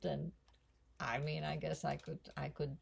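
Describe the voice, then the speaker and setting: A woman's voice: deep voice, flat delivery, measured pace, creaky, slight background noise. A woman in her sixties chatting casually and mocking herself as she cooks at home, laughing often. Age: 60s. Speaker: cooking vlogger and actress. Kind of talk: casual home cooking vlog.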